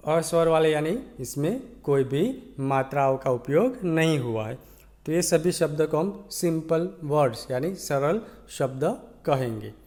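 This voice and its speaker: Teacher, male, Gujarati accent, higher voice, slow deliberate pace, spells out every syllable for small kids. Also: a little mellow. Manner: sounds out letters one at a time, keeps asking "ठीक है". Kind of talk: slow, patient children's lesson.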